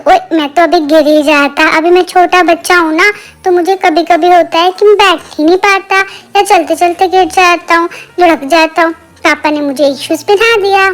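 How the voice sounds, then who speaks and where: Woman voicing a pleading little toddler boy. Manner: childlike pleading, high singsong voice. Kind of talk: voice-over for a baby.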